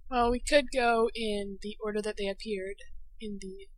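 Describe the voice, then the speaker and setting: A woman's voice: medium pitch, fairly even intonation, normal speed, dry recording, poor audio. A woman co-hosting a podcast, chatting casually and thinking aloud with many fillers. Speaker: podcast co-host.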